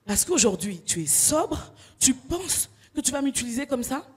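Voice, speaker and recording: A woman voicing a male pillow that whines, tattles and begs, with a husky voice. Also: sits high, sing-song, normal speed, long reverb tail, exaggerated voice. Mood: scornful. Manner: complaining, tattling in sobs. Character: whiny, melodramatic talking pillow, male.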